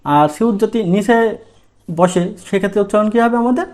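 His voice sits high, a little mellow, with lively intonation and a slightly fast pace. He's a language teacher from Bangladesh giving a lesson in Bengali, asking himself questions and answering them.

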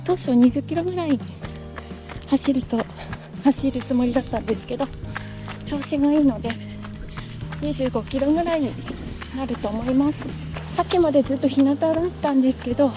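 A woman's voice: sits high, brisk, long pauses. A young woman casually narrating her run on a country road into a body-worn camera, chatty and giggling often. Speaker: vlogger. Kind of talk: casual running vlog narration. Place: outdoors on a country road while running. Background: music.

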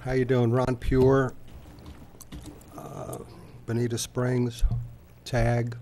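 An older man speaks at a council chamber podium microphone in a dark, mellow voice. He talks conversationally, stopping often on filler sounds as he works through his points. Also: medium pitch, completely flat delivery, slight background noise. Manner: halting, many filler pauses, conversational. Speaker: public commenter at city council. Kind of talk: public comment speech.

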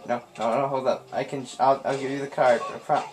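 A man's voice: medium pitch, fairly even intonation, a little fast, music in the background. A young man chatting casually and swearing while playing a video game on a couch indoors. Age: teens or young adult. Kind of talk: casual gameplay banter with swearing. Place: small room indoors on a couch. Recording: noisy room recording with game audio.

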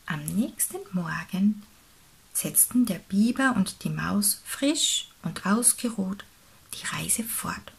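Soft, breathy woman reading a storybook. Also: medium pitch, expressive. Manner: soft, slow, near-whispered reading. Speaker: storybook reader. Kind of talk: reading a picture book aloud for children.

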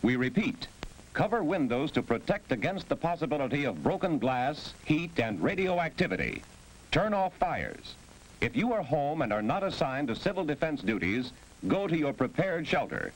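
A male radio announcer delivering a grave 1950s civil defense broadcast. His voice is fairly high and moves widely in pitch. The delivery is formal and official, on an old film soundtrack with faint noise. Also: very animated, moderate pace, low-quality recording. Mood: grave, urgent.

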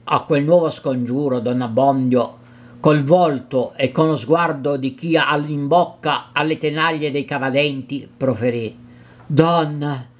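A man narrating a classic novel in a measured reading, with occasional slips and restarts. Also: mid-range voice, fairly even intonation.

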